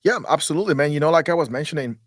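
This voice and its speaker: A man's voice: fairly high pitch, rapid-fire, dry recording, clean studio sound. A man in his thirties from Guatemala, a real estate investor, talking casually as an interview guest and often restarting words. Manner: rambling, repeats words when restarting.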